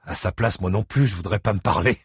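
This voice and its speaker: Man voicing gruff older granddad, deep husky, hesitant, dry close read. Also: fairly quick, no echo. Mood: awkward. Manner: hesitant, stumbling speech.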